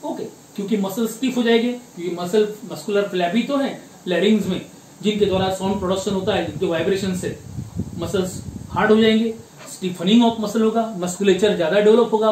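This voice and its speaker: A man teaching a biology class, explaining slowly and answering his own questions. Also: high-pitched, a little mellow. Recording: echoey room with faint noise.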